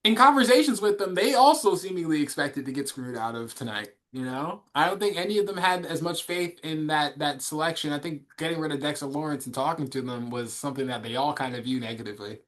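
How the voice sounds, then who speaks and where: A man's voice: a little high, fast, hardly any pauses, a bit bright. A man co-hosting a casual sports podcast, chatting in a laid-back, wry way. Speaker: podcast co-host. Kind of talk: casual draft reaction chat.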